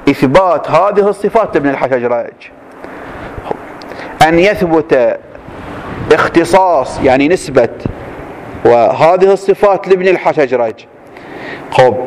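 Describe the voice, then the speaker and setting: A male teacher with a somewhat high-pitched voice lectures in a classroom. He reads each passage slowly, then breaks it down with quick questions to his students. A faint hum sits behind him. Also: darkish tone.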